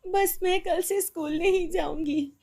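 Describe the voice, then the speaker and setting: Storybook cartoon girl, small and easily frightened, shrill and high-pitched, mellow tone, as a woman puts her on. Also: measured pace. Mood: sulky. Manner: high, excited, crying out.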